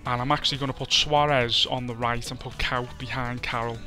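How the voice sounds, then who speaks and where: Brisk and bright with a forceful edge, a Liverpool man's mid-range voice keeps a fairly even intonation. In a Scouse accent he offers casual let's-play commentary on a football video game, chatty and self-deprecating, with faint music in the background.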